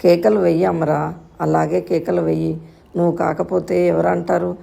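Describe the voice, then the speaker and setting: A woman's voice: on the low side, flat delivery, moderate pace, vocal fry, mellow. A woman reading the part of a fragile young wife who pleads through tears in a storybook tale. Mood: pleading. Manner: pleading, tearful.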